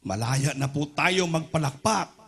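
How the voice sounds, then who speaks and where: A man from the Philippines preaching a sermon at an overnight prayer meeting, mixing Tagalog and English, calling out for responses from the congregation and shouting at the peaks. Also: a little high, lively intonation, unhurried, gravelly, husky. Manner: fervent call-and-response with the congregation.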